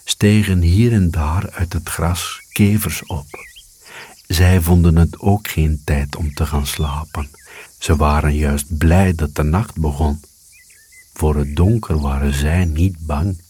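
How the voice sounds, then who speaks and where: A man reading a children's story aloud as scripted narration, calm and even. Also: low voice, breathy edge.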